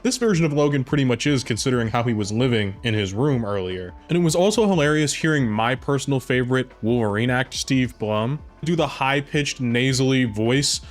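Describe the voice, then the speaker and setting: A man at a mid-range pitch talks through a cartoon episode in a loose, chatty way. He drops offhand asides as he goes, with faint music playing underneath. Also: lively intonation, fairly quick, few pauses. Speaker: video reviewer. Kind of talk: casual commentary. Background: faint background music.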